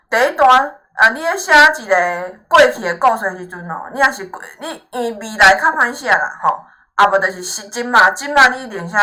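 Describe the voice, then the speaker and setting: A woman's voice: a little high, sharp tone, poor audio. A woman with a Taiwanese Hokkien accent teaching informally, reassuring and often tagging her points with little questions to check agreement. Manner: encouraging, reassuring. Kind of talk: informal lesson, explaining to a student.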